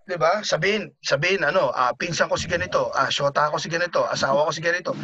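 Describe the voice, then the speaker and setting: A man's voice: fairly high pitch, fast talker, sharp tone. A man in a casual group chat about the music scene, talking bluntly with frequent swearing and tag questions. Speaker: band member, podcast guest. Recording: muffled lo-fi audio with clear background noise.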